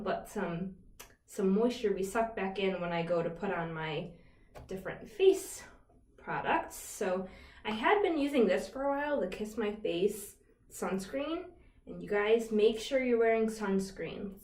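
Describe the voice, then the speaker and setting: A chatty woman vlogger talks loosely to camera, rambling through fillers and side remarks. Her voice sits at a middle pitch and sounds a little distant from the mic, with a roomy echo around it. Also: a little mellow. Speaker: skincare vlogger. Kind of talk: casual chat to camera.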